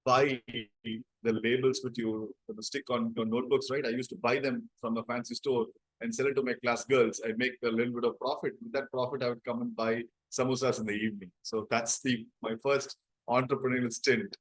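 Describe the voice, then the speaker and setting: A man's voice: mid-range voice, level tone, brisk, no echo, rough recording. A man with a South Indian accent speaks as a founder being interviewed. He explains things in a conversational storytelling way, often checking in with tag questions. The sound is dry, with very little room. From Chennai, South India. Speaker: interview guest, company founder.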